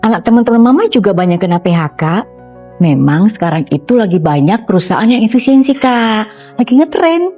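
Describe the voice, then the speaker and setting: A woman's voice: on the high side, very animated, brisk, husky, faint music behind. A woman playing a fussy middle-aged mother who scolds and teases her grown daughter in a comedy sketch. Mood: bossy. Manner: loud, nagging, teasing.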